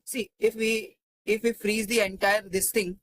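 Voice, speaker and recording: A man's voice: high-pitched, little pitch movement, unhurried, a bit bright, a little hiss or hum, low-quality recording. A man teaching a spreadsheet tutorial, thinking aloud with many fillers and restarts. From India. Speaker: Excel tutor. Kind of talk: screen-recorded spreadsheet tutorial.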